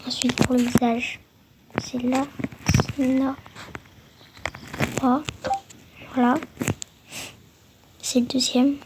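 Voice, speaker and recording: A woman's voice: high voice, little pitch movement, very slow, long pauses, very noisy. A woman talking through a game tutorial, hesitant, with many fillers and restarts. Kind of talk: casual game tutorial voice-over.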